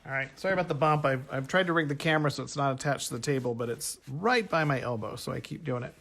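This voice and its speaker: A man's voice: medium pitch, fast, vocal fry, noisy background. A man teaching a painting workshop in a casual, chatty way, thinking aloud as he works at a table. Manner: chatty, thinks aloud while working, self-correcting. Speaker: art instructor. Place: home art workspace at a table.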